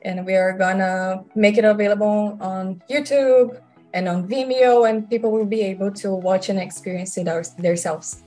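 A woman's voice: mid-range voice, steady tone, normal speed, a little mellow. Brazilian woman, chatting as a filmmaker guest, music behind her. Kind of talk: conversational interview answers.

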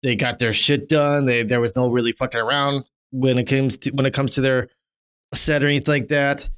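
A man in his thirties co-hosts a podcast in casual chat. His voice is smooth and resonant. He rambles with lots of restarts and drops the odd swear word. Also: medium pitch, level tone, a little fast, fairly bright tone. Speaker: podcast co-host.

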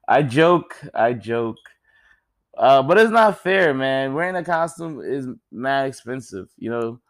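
A young man hosting a podcast, doing a rambling, joking solo monologue full of swearing, his pitch jumping up when he gets excited. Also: takes it slowly, long pauses. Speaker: podcast host. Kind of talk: casual comedic monologue.

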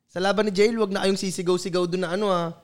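A man's voice: high voice, fairly even intonation, very fast. A man with a Filipino accent co-hosting a casual podcast, telling stories with frequent laughter. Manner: storytelling with laughter. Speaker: podcast co-host. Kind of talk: casual chat.

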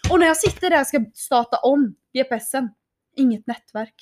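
A young woman chatting casually, telling an animated story, laughing often and acting out what people said. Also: high-pitched, slight background noise.

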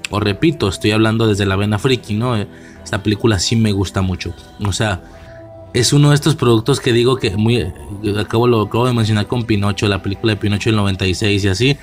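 A man with a Mexican accent giving a casual film commentary, rambling and slangy, with many fillers and restarts. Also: on the low side. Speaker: movie reviewer.

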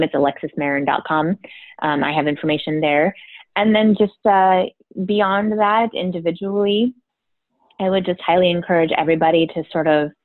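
Her low voice comes through a dry, phone-quality recording as she, a drama therapist, lays out her ideas for a podcast interviewer, often tossing in "right?"

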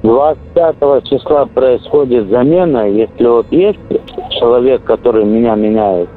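A man's voice: medium pitch, normal speed, slight background noise. A man, a soldier at the front, talking bluntly and with swearing on a casual call home, heard over a radio intercept. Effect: heard over a radio or intercepted phone line. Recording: tinny phone-like intercept, music laid over.

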